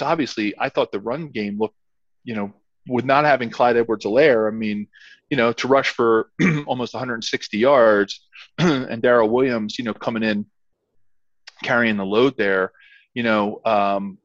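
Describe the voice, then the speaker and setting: A man's voice: medium pitch, no room sound. Emphatic male football pundit, dry dull recording. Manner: emphatic, repetitive, halting phrasing. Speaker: football podcast co-host. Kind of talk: casual sports commentary. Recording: dull, slightly lo-fi sound.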